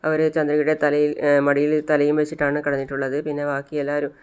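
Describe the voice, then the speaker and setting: A man casually retelling the plot of a TV serial as a steady storyteller. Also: a little high, fast, clean tone.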